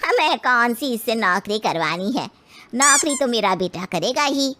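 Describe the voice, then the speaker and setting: A woman's voice: fairly high pitch, animated, a little slow, pushed and bright, slight background noise. A woman voicing a demanding, old-fashioned mother-in-law who probes condescendingly in a cartoon story.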